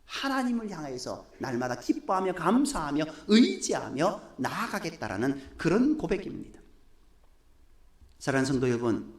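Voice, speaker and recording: Male pastor preaching, high voice that jumps all over, echoey church, drops to a hush for effect. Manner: asks the congregation rhetorical questions. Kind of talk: Sunday sermon. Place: church sanctuary.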